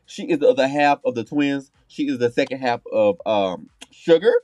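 A man's voice: medium pitch, lively intonation, normal speed, a little mellow, dry recording. A man co-hosting a podcast with casual, sassy drag queen banter, profane and campy, leaning hard on key words. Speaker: podcast co-host. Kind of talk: casual reality-show review banter.

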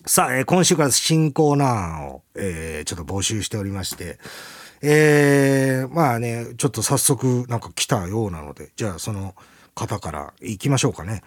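A man's voice: medium pitch, lively intonation, moderate pace. A male radio host chatting casually and reading listener mail, telling stories animatedly and chuckling often.

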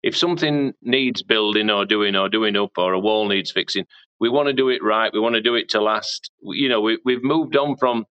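A man's voice: fairly low pitch, a little fast, pushed and bright. A man, a farmer chatting casually in an interview and often repeating words as he starts a thought. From Barnsley, England. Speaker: farmer and business owner. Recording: dull lo-fi sound.

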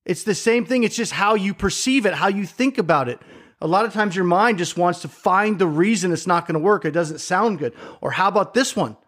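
In a casual chat, a middle-aged man with a high, brisk, slightly bright voice tells energetic stories. He acts out how other people reacted and swears casually.

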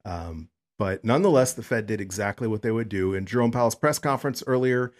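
A man hosting a solo podcast, talking in a rambling, chatty way with lots of fillers. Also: brisk. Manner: rambling and chatty, many fillers, pitch jumps up on greetings. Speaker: podcast host.

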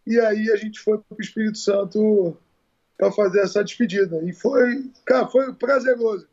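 High-voiced Brazilian fighter telling stories. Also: male voice, moderate pace, muffled recording. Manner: animated, swears often, repeats words, stumbling restarts. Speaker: retired fighter, guest. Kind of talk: casual storytelling interview.

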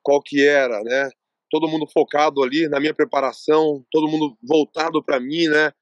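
A man from Brazil chats as a podcast guest, his voice sitting a little high for a man. He rambles through stories and voices the back-and-forth of each exchange. The recording is dry and close, with no room sound. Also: steady tone, moderate pace, no room sound, dull audio. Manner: rambling storytelling, acts out quoted dialogue. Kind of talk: casual interview chat.

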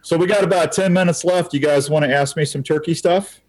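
A man's voice: a little high, brisk, a little mellow. A man talking as a podcast guest, explaining hunting methods step by step in a folksy, casual way. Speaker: podcast guest, turkey bowhunter. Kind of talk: casual interview chat.

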